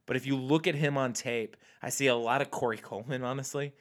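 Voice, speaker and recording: A man's voice: mid-range voice, steady tone, fast. Male podcast co-host, fading voice, laid-back draft analysis. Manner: analytical, laughs at himself. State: losing his voice. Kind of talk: casual sports chat.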